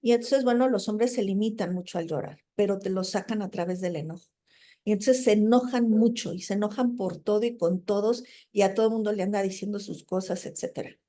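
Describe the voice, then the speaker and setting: Mellow-voiced woman giving a lecture. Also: medium pitch, brisk. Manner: conversational, frequent "¿no?" tags and fillers; acts out quoted people while explaining. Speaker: teacher. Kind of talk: recorded lecture.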